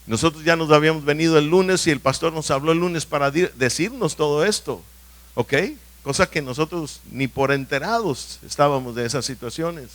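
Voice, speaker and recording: Male pastor, somewhat high voice, emphatic sermon delivery in a church hall. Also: moderate pace, fairly bright tone. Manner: emphatic, asks the congregation questions often.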